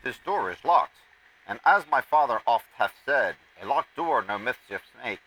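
A dim-witted soldier in a homemade Shakespearean reading, reasoning earnestly through his verse. His voice is bright and sounds set back from the microphone. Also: medium pitch, lively intonation, moderate pace, recorded from a distance, slight background noise, rough recording. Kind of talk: amateur Shakespearean table read.

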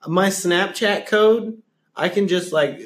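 A nineteen-year-old man co-hosting a podcast in a casual comedic chat, deadpan and going along with the joke. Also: high voice, takes it slowly. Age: late teens. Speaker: podcast co-host.

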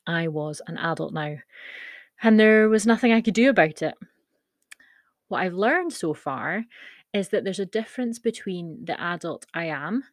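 A podcast host in her thirties from the Scottish Highlands, with a Scottish accent, reads her own personal essay in a wry, playful way. Her voice is on the low side and a bit bright, in clean studio sound with no room sound.

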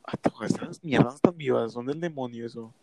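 A man's voice: medium pitch, brisk, vocal fry, a little mellow, dry recording. A young man with a Mexican Spanish accent, co-hosting a casual podcast, joking and teasing and laughing often. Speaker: podcast co-host.

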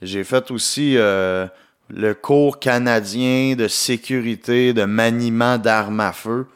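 A man's voice: medium pitch, slow, clear, resonant tone. A young man with a Québécois French accent, hosting his own solo podcast in a rambling, joking way with plenty of filler and English words mixed in. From Quebec. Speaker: podcast host and comedian. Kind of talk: casual solo podcast monologue.

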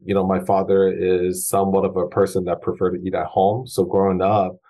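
Man in his forties, husky and raspy, casual interview guest, halting with restarts. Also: deep voice, monotone, warm tone. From Taiwan. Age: 40s. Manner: hesitant, many fillers and restarts. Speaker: guest chef.

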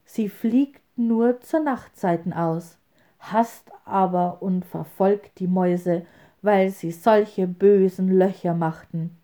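A woman telling a fairy tale aloud in an expressive, lively storytelling manner. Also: medium pitch, slow.

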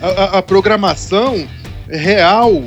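A man's voice: high-pitched, takes it slowly, faint music behind. A man co-hosting a casual chat show, playful and teasing, repeating his questions. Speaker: podcast co-host.

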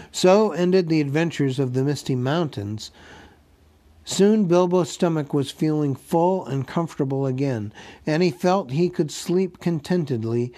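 A man reading a storybook aloud as narrator, in a slow, deliberate and gently expressive way. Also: medium pitch. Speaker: audiobook narrator.

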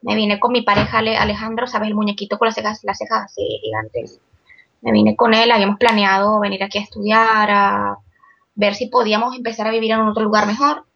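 A young woman from Venezuela, a guest illustrator in a casual interview, chatty and quick-talking. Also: mid-range voice, level tone, gravelly, fairly bright tone, lo-fi sound.

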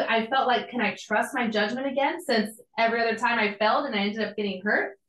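A woman's voice: a little high, a bit bright. Earnest woman in an echoey room. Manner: conversational, earnest, uses casual asides. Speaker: podcast host and church planter. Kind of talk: devotional teaching talk.

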